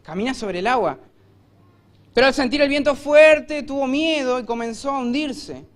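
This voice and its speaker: A man with a Rioplatense Spanish accent preaching a sermon in a church, telling the story vividly and acting out shouted lines. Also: extremely high pitch, moderate pace. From Argentina. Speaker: pastor.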